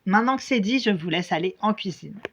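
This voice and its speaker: A woman's voice: medium pitch, animated, fast, muffled recording. A woman voicing a bossy young cooking judge who lays down rules bluntly and crudely.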